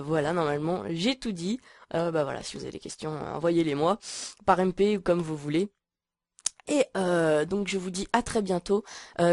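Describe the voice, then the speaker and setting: A woman talking through a casual software tutorial, hesitant and full of filler sounds. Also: lowish voice, no room sound, studio quality. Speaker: tutorial maker. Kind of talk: casual screen-recording tutorial.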